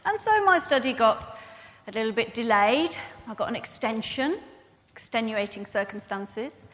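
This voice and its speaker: A woman's voice: a little high, fairly bright tone. A woman pastor preaching a sermon, telling a story about herself in a chatty, self-mocking way. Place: church. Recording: long church reverb.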